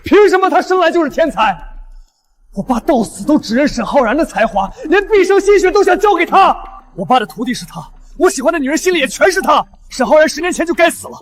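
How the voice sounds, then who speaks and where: A man's voice: fairly high pitch, wildly swooping pitch, very fast. An actor playing a jealous, scheming young man who fawns and then gloats. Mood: gloating.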